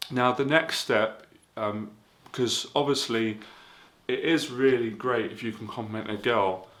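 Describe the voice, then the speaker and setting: A man's voice: medium pitch, steady tone, a little slow, a bit bright. A man giving casual dating advice in an earnest, repetitive way, full of fillers. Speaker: dating coach.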